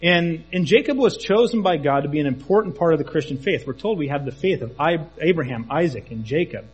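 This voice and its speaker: A church elder preaches in a relaxed, storytelling way and slips in jokes. His voice is husky and sits a little high for a man. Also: a little fast, lo-fi sound. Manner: conversational, storytelling, joking. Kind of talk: sermon.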